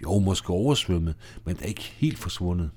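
A man's voice: low voice, lively intonation, warm tone, voice pushed down. A man voicing an argumentative, skeptical woman in an audio drama. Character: argumentative woman who turns fearful.

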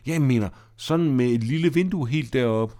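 A man's voice: mid-range voice, mellow, no echo, voice pushed up, natural voice. A girl who feels mocked answers in a hesitant, hurt way, voiced by a man reading aloud. Her voice sits above his own. The recording is dry.

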